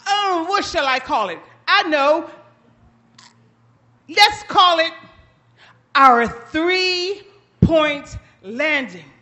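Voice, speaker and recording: Lady doing a sneaky buzzard guy, sweet-talking and loud, real high voice. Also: animated, very slow, long pauses, exaggerated voice. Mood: coaxing. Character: sly, greedy male buzzard, smooth-talking trickster.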